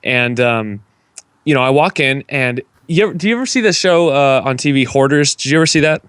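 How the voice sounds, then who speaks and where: A man's voice: medium pitch, expressive, fairly quick, a bit bright, clear, resonant tone, dry recording. A young man hosting a casual gaming podcast, rambling and joking with plenty of fillers. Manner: rambling, self-deprecating, lots of fillers. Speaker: podcast host.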